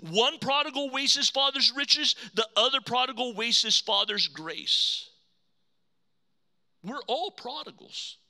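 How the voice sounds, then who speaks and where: A man preaching a sermon as pastor, dramatic, swinging between loud emphasis and hushed low lines. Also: unhurried.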